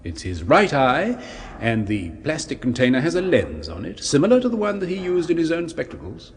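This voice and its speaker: An actor voices a nervous doctor in a 1970s radio play, a clinical but solicitous experimenter whose explanations are soothing, clinical and somewhat hesitant. He speaks at a moderate pace in a fairly high voice with huge pitch swings, recorded in a large hall with slight background noise.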